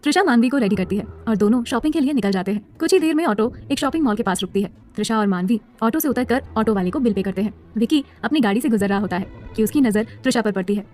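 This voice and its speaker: A woman's voice: fairly high pitch, animated, quick pace, few pauses, darkish tone, soft background music. A woman narrating a serialized romance story in a scripted storytelling style.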